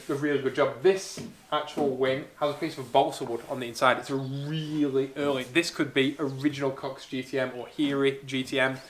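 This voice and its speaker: Speaking into a small camera-mounted mic that picks up a little hiss or hum, a Spanish-raised man with a mid-range voice fields viewer questions on his casual car-building vlog. He's chatty and excited, working through his thoughts out loud.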